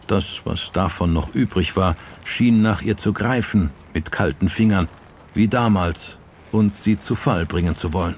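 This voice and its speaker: Low-voiced guy narrating an audiobook, measured and dramatic. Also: slight background noise. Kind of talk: scripted narration.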